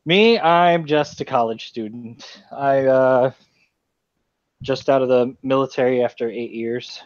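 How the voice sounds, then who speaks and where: A man's voice: mid-range voice, unhurried, no echo, highs cut off. A young adult man speaking as an interview guest in a dry, matter-of-fact way. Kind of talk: casual interview chat.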